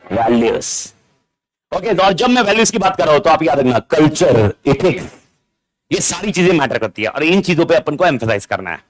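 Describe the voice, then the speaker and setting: A middle-aged man teaching a live classroom lecture that is also streamed online. He talks in an animated, teasing way, repeats key words and fires questions at the class over a classroom mic. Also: a little high, a little fast. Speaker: accounting exam lecturer. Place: classroom with students present. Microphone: amplified classroom mic.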